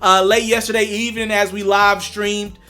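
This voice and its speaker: Clean and bright, this young adult male voice sits high with little pitch movement, moving at a moderate pace over soft background music. As a commentary channel host talking to camera, he speaks emphatically to his audience and repeats himself for stress.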